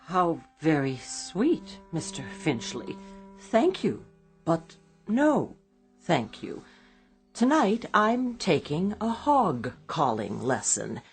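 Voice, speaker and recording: A woman acting in a radio drama as an exasperated, sharp-tongued secretary given to sarcastic retorts. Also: sits low, very animated, slow pace, faint music behind, full character voice. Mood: mock-sweet, sarcastic.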